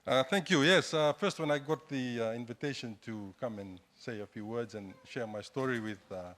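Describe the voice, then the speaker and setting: Casting: middle-aged man, Fijian accent, medium pitch, self-deprecating and conversational public speaker. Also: normal speed, a bit bright. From Fiji. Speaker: guest speaker, entrepreneur. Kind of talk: informal public talk to an audience. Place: indoor hall, standing at a lectern.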